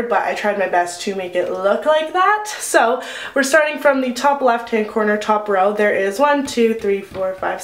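A young woman chatting casually as a beauty vlogger, with lots of ums and likes, recorded in her home bathroom with an echoey sound. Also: fairly high pitch. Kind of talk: casual chat.

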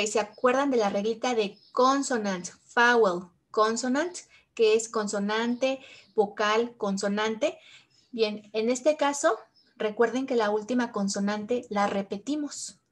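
A woman teaching English grammar, patiently repeating each example in two languages. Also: on the high side. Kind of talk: bilingual grammar lesson.

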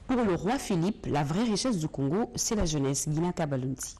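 A woman's voice: sits low, lively intonation, moderate pace, dark tone, breathy edge, soft background music. A woman presenting the evening news in a TV studio with a composed, formal delivery. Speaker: news anchor.

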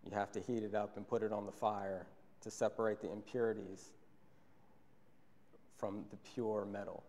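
Earnest young preacher in a reverberant church. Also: male voice, lowish voice, little pitch movement, normal speed, a little mellow. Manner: earnest, repeats key phrases for emphasis. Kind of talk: sermon. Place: church sanctuary, at a pulpit. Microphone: pulpit microphone on a stand. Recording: long church hall reverb.

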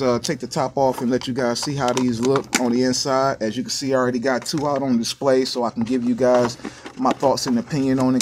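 An American man with a medium-pitched voice presents a casual snack review. He is upbeat and talks straight to his viewers in a familiar, chatty way, peppering it with little catchphrases. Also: background noise. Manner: upbeat, addresses viewers as guys, repeats catchphrases. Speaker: food review host. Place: small indoor counter by a sink.

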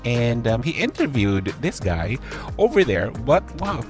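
A man with a medium-pitched voice hosts a morning radio show, sounding very animated yet a little slow as he chats and rambles. He's in a small radio studio on a close microphone, with music playing behind his voice.

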